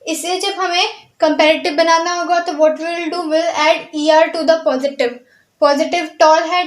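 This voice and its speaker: A woman's voice: high-pitched, reverberant, rough recording. A woman with an Indian accent teaching an English grammar lesson, explaining step by step in a mix of Hindi and English and often checking that the class follows. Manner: explains slowly, switching between Hindi and English, checking in with "ठीक है".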